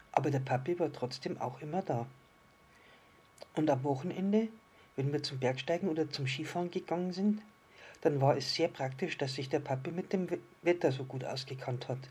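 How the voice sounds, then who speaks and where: A man voicing a patient, kindly island fish who calmly explains things in a storybook reading. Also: fairly high pitch, slightly rough. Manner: calm, explaining, gently teasing.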